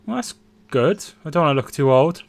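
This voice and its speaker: Co-hosting a football watchalong stream, an Englishman in his twenties chats casually and reads viewer comments aloud. He speaks a little fast in a slightly high, expressive, creaky voice.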